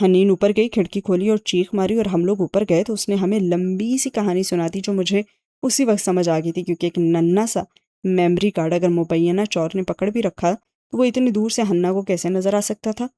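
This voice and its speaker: A woman's voice: medium pitch, fairly even intonation, warm tone, no echo, clean studio sound, close to an everyday voice. A woman reading a cool, clever young woman. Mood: knowing. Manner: composed, knowing explanation.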